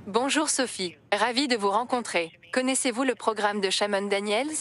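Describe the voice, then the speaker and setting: A computer-made woman's voice speaks over a phone call as an automated campaign caller. Her phrasing is polite and evenly paced, with the smooth, scripted courtesy of a machine. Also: medium pitch, normal speed, fairly bright tone, slight background noise. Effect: synthetic AI voice heard over a phone call.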